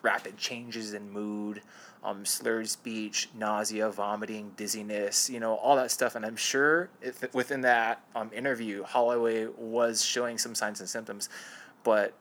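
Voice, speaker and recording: A man's voice: lowish voice, flat delivery, measured pace, fairly bright tone, slight background noise. A man co-hosting a podcast, explaining things in a casual sports chat. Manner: explanatory, lists concussion symptoms. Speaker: podcast co-host.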